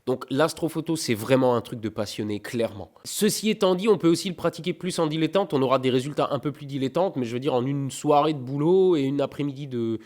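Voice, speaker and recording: Host, young man from France, reading fan mail on his channel; relaxed, offhand chatter that turns theatrical on the letters. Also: mid-range voice, fast, few pauses. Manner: reads letters in a raised theatrical voice, chats offhand between them. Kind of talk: casual chat reading letters aloud.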